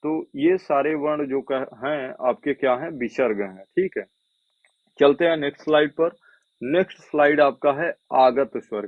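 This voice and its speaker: A man's voice: a little high, no room sound. Man drilling students in a tinny lecture. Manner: drills with repeated questions and answers. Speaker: Hindi teacher. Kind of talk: exam coaching lecture. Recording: tinny phone-like dry sound.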